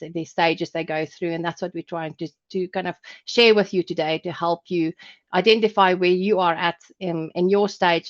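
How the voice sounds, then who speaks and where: A woman born in South Africa presenting a business webinar over a video call, explaining points in a loose, conversational way. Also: lowish voice. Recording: dull lo-fi call audio.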